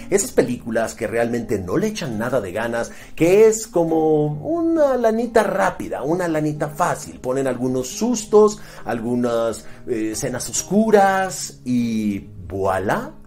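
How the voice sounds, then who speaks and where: A man's voice: medium pitch, a little mellow. A man with a Mexican accent giving a mocking, exasperated movie review, swearing freely. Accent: Mexican Spanish. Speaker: film critic. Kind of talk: sarcastic movie review rant.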